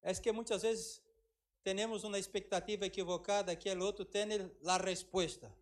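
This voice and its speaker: Middle-aged male pastor, very high voice, emphatic sermon delivery with repeated lines. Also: flat delivery, moderate pace. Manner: emphatic, repeats phrases for effect, mixes Portuguese and Spanish.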